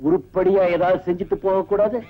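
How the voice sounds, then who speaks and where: An actor playing a scheming villain who makes threats, in a 1980s film, on a muffled old film soundtrack. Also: male voice, sits high, level tone, a little fast, soft background music, lightly acted. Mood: menacing. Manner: menacing and coaxing.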